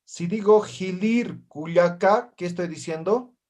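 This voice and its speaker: A man teaching a language class over a video call, slowly repeating words and checking in with his students. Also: high-pitched, darkish tone. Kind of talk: online class teaching vocabulary.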